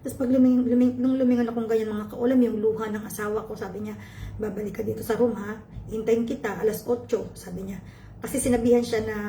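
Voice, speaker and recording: A woman's voice: a little high, mellow, slight background noise. A woman vlogger tells her viewers a personal story with feeling, often turning to address them and mixing in English phrases. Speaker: cooking channel vlogger. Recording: echoey room with faint ambience.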